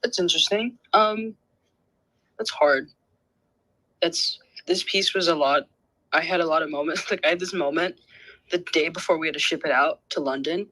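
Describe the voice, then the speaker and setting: A young man, an artist and guest, chatting in a bubbly, fast way with frequent laughs and many fillers. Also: fairly high pitch, bright, forceful tone, no room sound, poor audio. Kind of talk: casual chat on a podcast.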